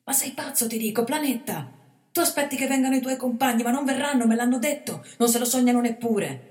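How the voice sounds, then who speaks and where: A woman's voice: a little high, brisk, a little mellow, pitched above the performer's own voice, natural voice. A woman voicing a frightened young male bandit who pleads breathlessly and urgently. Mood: alarmed. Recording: reverberant hall.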